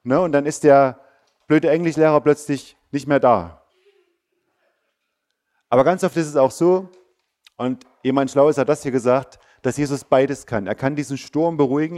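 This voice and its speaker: Guy preaching to school kids, animated storytelling, goes loud then soft and quiet. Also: mid-range voice. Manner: animated storytelling, acting out the disciples with sudden loud outbursts; drops to a soft, quiet voice for reassurance. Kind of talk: lively sermon for schoolchildren.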